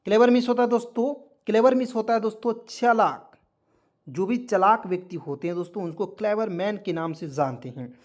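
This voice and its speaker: Man slowly spelling out English words. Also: sits high. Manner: spells words letter by letter and repeats them often; keeps asking questions of the viewers. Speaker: English teacher. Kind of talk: spelling-out vocabulary lesson.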